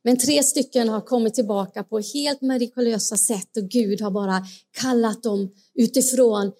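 A woman preaching a sermon, earnest and asking her listeners direct questions, dropping to a hush when she quotes a whisper. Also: fairly high pitch.

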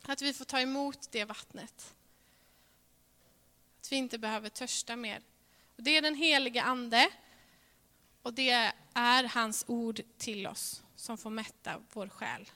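A woman preaching a sermon in a church, earnest, moving between ringing emphasis and hushed softness. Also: on the high side. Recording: reverberant hall sound.

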